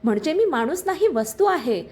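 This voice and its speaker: A woman's voice: sits high, big pitch swings, brisk, darkish tone. A woman voicing a hurt young bride who speaks with a trembling, bitter, tearful voice.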